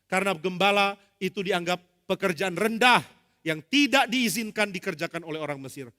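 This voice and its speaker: A male pastor preaching a lively sermon, acting out dialogue with humor. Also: high voice, normal speed. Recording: long hall reverb.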